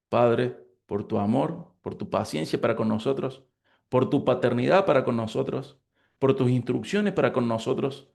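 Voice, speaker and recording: A man's voice: mid-range voice, vocal fry, a little mellow. A man in his forties from Córdoba with an Argentine accent, a pastor closing a class with prayer and speaking earnestly about his life and studies. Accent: Argentine Spanish (Córdoba). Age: 40s. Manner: earnest, grateful, unhurried. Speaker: pastor and lecturer. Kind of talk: prayer and interview answers.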